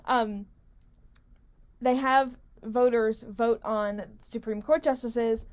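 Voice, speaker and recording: Female political talk host, slightly high-pitched, conversational and opinionated, unscripted, emphatic, prone to interrupting herself. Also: steady tone, slow pace. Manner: rambling, self-interrupting, conversational, with emphatic stresses. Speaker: host of a weekly political talk radio show. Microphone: studio-style microphone pulled close, with squeaky stand.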